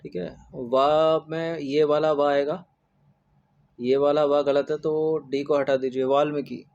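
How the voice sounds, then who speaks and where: A man works through exam questions one by one, a tutor who keeps repeating each spelling and checking in with listeners as he goes. His voice sits a little higher than most men's. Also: little pitch movement, takes it slowly, a little mellow, muffled recording. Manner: repetitive, drills spellings with "ठीक है" fillers. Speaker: exam-prep teacher. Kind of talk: explaining test answers.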